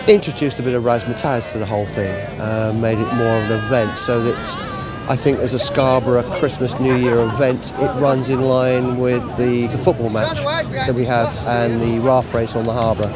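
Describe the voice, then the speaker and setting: A man who organises a charity event, explaining it informally and in a measured way in an outdoor interview. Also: medium pitch, little pitch movement, over loud music. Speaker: Lions club event organiser. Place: outdoors at a seafront. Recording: outdoor street and traffic noise.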